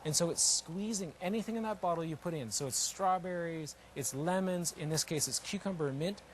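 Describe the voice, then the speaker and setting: A man's voice: on the high side, a little fast, slight background noise. A man demonstrating his own invention live, explaining it step by step with emphatic repetition. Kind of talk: unscripted live product demonstration.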